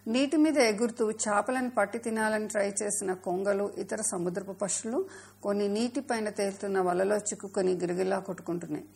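A woman narrating a children's story in a measured, expressive way. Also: medium pitch, creaky, slightly rough.

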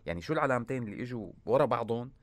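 A man's voice: mid-range voice, expressive, racing. A man with a Syrian Arabic accent talking casually as a musician guest in an interview, telling things colloquially in short bursts.

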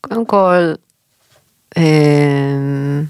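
A woman co-hosting a podcast in casual chat, speaking quietly and gently with long pauses between words. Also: sits low, clear, resonant tone, no echo, studio quality. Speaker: podcast co-host.

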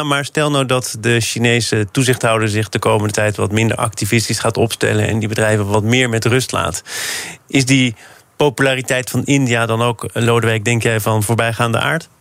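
A man's voice: mid-range voice, fairly bright tone, no echo. A man hosting a finance interview, asking pointed questions and steering the conversation between guests. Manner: brisk, probing questions. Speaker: host.

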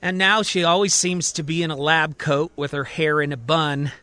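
A man's voice: fairly high pitch, steady tone, normal speed, bright, forceful tone, clear, resonant tone, no echo. A man narrating his own audio drama in a conversational, recapping storyteller manner. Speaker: writer and narrator.

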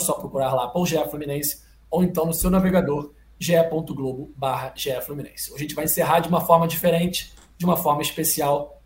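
Brazilian male podcast host, roomy echo. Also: a little high. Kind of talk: casual football podcast hosting. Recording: roomy echo, faint background noise.

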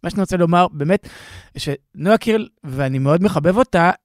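A man's voice: sits high, expressive, no room sound, studio quality. A man with an Israeli accent co-hosting a talk show in casual, bantering conversation.

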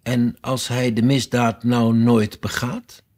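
A man's voice: medium pitch, level tone, takes it slowly, darkish tone, pitched above the performer's own voice. A man reading a storybook aloud and voicing a polite, puzzled young girl who asks earnest, wondering questions.

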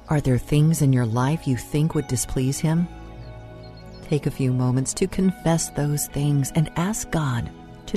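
Slow, low, soft-spoken woman guiding meditation. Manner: soft, soothing, unhurried delivery with long pauses. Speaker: meditation host. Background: music.

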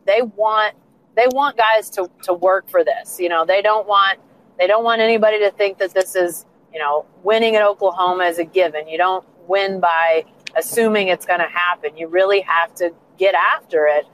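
A woman's voice: mid-range voice, normal speed, fairly bright tone, a little hiss or hum, poor audio. A woman talking through a football game in a chatty, repetitive, casual way on a postgame panel. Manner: chatty, repeats herself.

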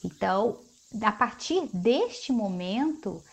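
A woman nutritionist, explaining calmly in an interview. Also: medium pitch, slow pace, vocal fry.

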